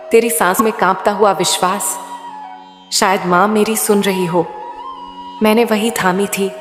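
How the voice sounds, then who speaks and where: A woman voicing a loving, all-knowing mother goddess in a soothing devotional message, speaking slowly and intimately. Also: mid-range voice, close to an everyday voice. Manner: slow, soothing, intimate address. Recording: echoey hall with faint sitar music.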